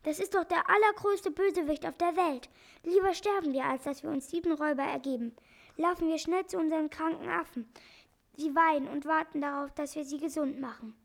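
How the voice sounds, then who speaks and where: A woman's voice: high-pitched, fairly even intonation, fairly quick, hardly any pauses, fairly bright tone. A woman voicing a kind, brave animal doctor in a storybook, speaking earnestly and urgently.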